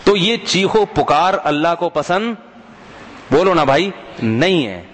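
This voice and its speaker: This preacher's voice is on the high side and expressive, and he takes his time. His sermon is conversational, full of funny stories and calls for the audience to respond, with a big-room sound around him.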